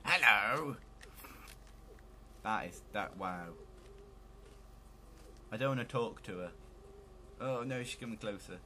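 A man's voice: fairly low pitch, takes it slowly, pauses often, bright, forceful tone, a little hiss or hum. A man hosting a let's play, giving casual, joking commentary on a video game.

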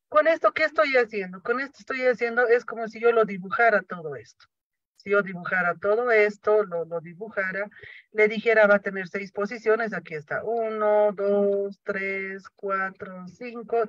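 A man's voice: high voice, fairly bright tone, no room sound. A man teaching programming in a lecture, explaining each step and answering his own questions. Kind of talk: classroom lecture. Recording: dry, dull lo-fi sound.

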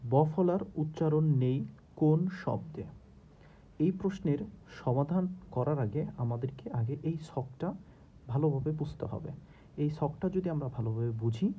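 A husky-voiced young man walks through grammar exercises as a teacher, patiently asking and answering each question in turn. The recording sounds dull and lo-fi. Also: a little high. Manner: patient, repeats questions step by step. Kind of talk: exercise walkthrough lesson.

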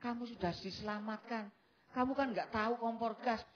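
A man voicing a calm, teasing village man in a live puppet comedy, drawling low and soothing with a mocking edge and a Javanese accent. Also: normal speed. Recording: slightly dull live stage recording, crowd. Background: audience crowd.

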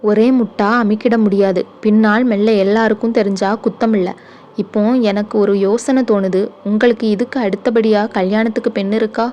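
A woman voicing a stern, proud older brother who scolds and gives gruff orders, in an audiobook reading. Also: medium pitch, steady tone, moderate pace, a little mellow, a little hiss or hum, close to an everyday voice. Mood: scolding.

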